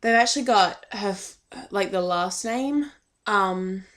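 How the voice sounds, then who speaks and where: A woman's voice: medium pitch, slow, fairly bright tone. A young woman chatting casually in a fan vlog, hesitant and full of filler ums, a little shy. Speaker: vlogger.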